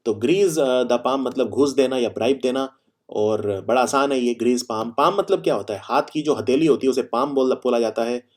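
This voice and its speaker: A man teaching vocabulary. He explains each word through everyday examples, repeats key phrases, and reads the example sentences slowly and deliberately. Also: medium pitch. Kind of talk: Hindi-English vocabulary lesson.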